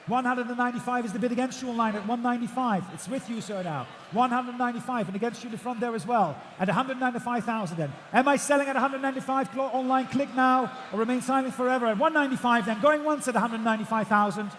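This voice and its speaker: A man working as an auctioneer, calling bids in rhythmic, repetitive number patter, projecting loudly to a room. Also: very high-pitched, fast, hardly any pauses. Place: large auction room with bidders. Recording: echoey auction hall, faint background noise.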